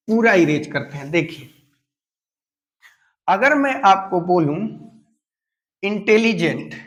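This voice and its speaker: Male teacher, high-pitched, deliberate and unhurried, patient step-by-step explainer who spells words letter by letter. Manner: speaks to students familiarly and asks them questions. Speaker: English teacher. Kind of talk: classroom lesson.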